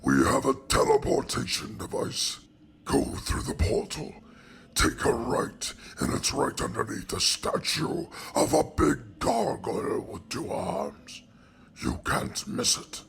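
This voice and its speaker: A man voicing a solemn, ancient godlike oracle who speaks as "we" in a slow, grave storytelling cadence. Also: mid-range voice, wildly swooping pitch, creaky, a bit bright, slight background noise, exaggerated voice. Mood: lofty. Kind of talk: amateur fantasy audio drama.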